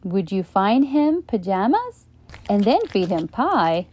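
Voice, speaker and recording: A woman hosting a children's channel, reading a bedtime story aloud in a gentle, questioning way. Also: medium pitch, big pitch swings, slow pace. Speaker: storyteller host.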